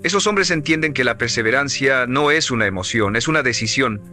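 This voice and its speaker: Bright-voiced male motivational narrator. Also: mid-range voice, lively intonation, faint music behind. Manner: emphatic, measured, preaching cadence.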